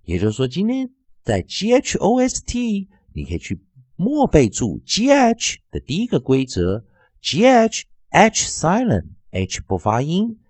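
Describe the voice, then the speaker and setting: Male phonics teacher, drawn-out repetitions, dry close sound, mellow tone. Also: dry recording. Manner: very lively, sing-song pitch. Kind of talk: classroom-style phonics lesson.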